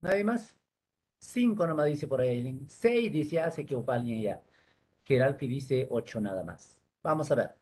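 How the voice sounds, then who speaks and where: A man's voice: mid-range voice, animated, moderate pace, a little mellow, husky. A male teacher giving an online lesson on rules, patiently spelling words out syllable by syllable.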